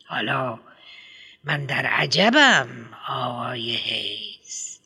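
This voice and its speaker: A man reading an audiobook, voicing a fussy middle-aged woman who heads a school, speaking hesitantly and full of drawn-out ums. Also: mid-range voice, lively intonation, bright, forceful tone, husky, full character voice. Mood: lecturing.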